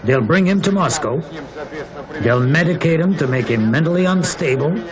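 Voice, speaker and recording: A man's voice: fairly high pitch, expressive, normal speed, a crowd in the background. A man voicing the translation of interviews in a dubbed voice-over, rising on key words.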